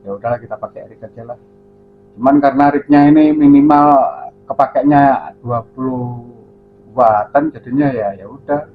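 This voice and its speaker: A man with a medium-pitched voice chats casually and somewhat hesitantly at a moderate pace as an amateur radio operator on a two-way radio. Faint music plays behind him, and the sound is narrow and phone-like with a faint hum.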